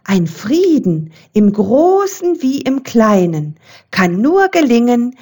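A gentle young doe from a storybook speaks softly and earnestly, as a woman puts her on. Her voice is slow and lively in pitch. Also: heavily acted.

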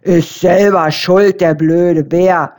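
Stubborn wild boar for a children's story, woman reading, low and grumbling. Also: fairly even intonation, slow, darkish tone. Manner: grumbling, pushed out.

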